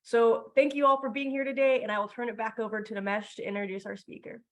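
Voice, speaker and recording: A woman's voice: a little high, steady tone, quick pace. A woman who works as a program manager, reading a prepared welcome address steadily. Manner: reads steadily from a prepared text.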